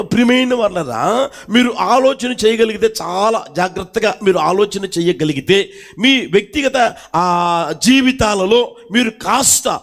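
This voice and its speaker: A man preaching a sermon to a congregation, putting questions to them and swinging between shouted emphasis and low asides. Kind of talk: Telugu church sermon.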